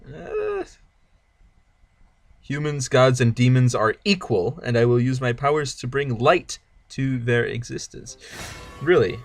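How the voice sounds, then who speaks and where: During his card game stream, a man keeps up loose, jokey chatter, stumbling and restarting his sentences as he goes. His mid-range voice is creaky and unhurried, with big swings in pitch.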